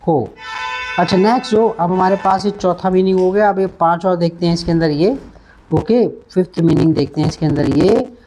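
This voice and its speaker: A Hindi-speaking man teaching English vocabulary in an online lesson, slowly repeating words and spelling them out letter by letter. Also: high-pitched, music in the background.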